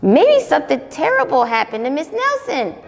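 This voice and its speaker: Woman doing eager schoolkids, very high squeaky pitch, bouncy, echoey room. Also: moderate pace, creaky, faint music behind, heavily acted. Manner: eager, excited. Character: group of excited young schoolchildren.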